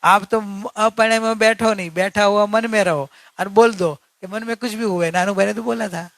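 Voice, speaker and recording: A man's voice: high-pitched, fairly even intonation, normal speed, creaky, a bit bright, no echo. A man giving an earnest religious discourse, repeating key points and asking rhetorical questions. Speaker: spiritual teacher.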